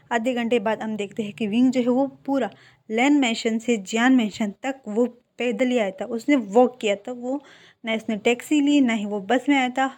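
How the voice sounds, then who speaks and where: A woman retells a fan story in a loose, conversational way, filling her sentences with little fillers. Her voice sits a bit high for a woman. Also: a little mellow. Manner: chatty, filler-heavy retelling. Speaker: fan fiction narrator. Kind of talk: casual story narration.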